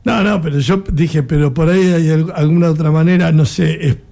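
A man's voice: on the high side, steady tone, fairly quick, gravelly, mellow. A man with an Argentine Spanish accent interviewing a guest on the radio, asking probing questions in a chatty, self-deprecating way.

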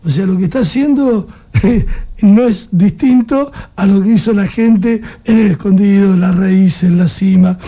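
A man's voice: high-pitched, a little slow, warm tone. An Argentine man hosting an interview, thinking aloud and asking pointed questions.

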